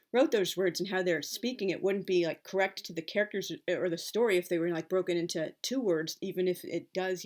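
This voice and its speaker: A woman with a Pittsburgh accent giving informal explanatory talk as a writer, in a halting, rambling and opinionated way. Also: lowish voice. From Pittsburgh, Pennsylvania, United States. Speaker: writer giving writing advice.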